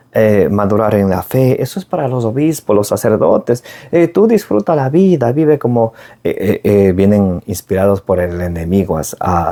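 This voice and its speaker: Male preacher, low and dark-toned, halting delivery with many fillers, daily gospel sermon. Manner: frequent fillers and repeated restarts; raises pitch when quoting shouts.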